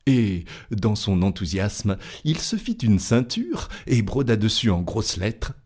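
A man reading a fairy tale aloud as narrator, with lively, expressive storytelling. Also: fairly low pitch, slow pace, husky.

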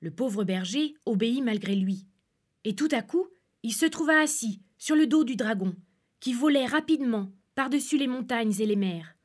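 Woman reading a fairy tale, higher voice. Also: lively intonation, normal speed. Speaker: storyteller.

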